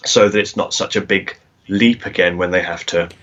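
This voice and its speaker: A man's voice: deep voice, steady tone, moderate pace, fairly bright tone, dull audio. A male singer and singing teacher, a guest on a video-call interview, explaining technique with many restarts and fillers.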